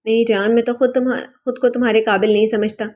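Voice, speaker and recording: A woman's voice: a little high, level tone, darkish tone, close to an everyday voice. A woman voicing a remorseful pleading husband. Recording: dull lo-fi recording.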